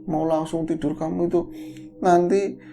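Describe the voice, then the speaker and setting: Gravelly man telling a horror story. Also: level tone, normal speed, music in the background. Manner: acts out the characters' lines with sharp jumps up in pitch and loudness. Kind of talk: casual storytelling chat.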